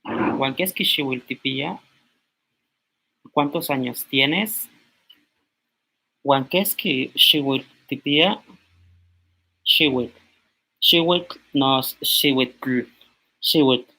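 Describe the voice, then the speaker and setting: Brief: man in his twenties from Mexico, bright voice, unhurried teacher who repeats each word. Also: mid-range voice, gravelly, slightly rough. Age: 20s. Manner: slow, repeats words aloud while writing on a board. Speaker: language teacher. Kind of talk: informal language lesson.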